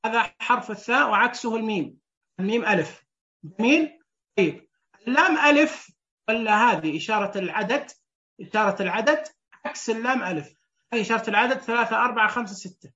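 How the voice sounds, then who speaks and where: A woman's voice: fairly high pitch, animated, quick pace, a bit bright, dull audio. A woman teaching Braille in an online class. She explains step by step, counts the dots aloud and keeps checking that her students are following. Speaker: Braille instructor.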